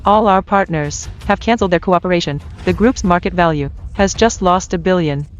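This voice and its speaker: Woman acting a cold, resentful mother, lowish voice. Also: brisk, dull audio, natural voice. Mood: grim. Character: cold resentful middle-aged mother of grown sons. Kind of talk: dubbed melodrama acting. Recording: music behind the voice.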